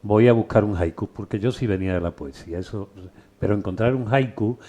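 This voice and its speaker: Mature Spanish man, very mellow voice. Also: fairly low pitch, fairly quick. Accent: Spain. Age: middle-aged or older. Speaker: book presentation host. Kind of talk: informal anecdotal public talk. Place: live book presentation with microphone.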